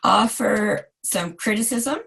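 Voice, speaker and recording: A hoarse woman in her forties giving a recorded design lecture, chatty and self-deprecating with asides to her students. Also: mid-range voice, slow, fairly bright tone. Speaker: design instructor.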